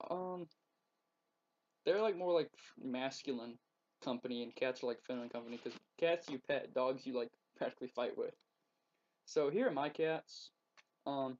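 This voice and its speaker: A teenage boy vlogging casually at home into his laptop, rambling and halting with lots of ums and likes. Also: mid-range voice, darkish tone. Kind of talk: casual webcam vlog. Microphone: laptop webcam mic. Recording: muffled lo-fi laptop audio.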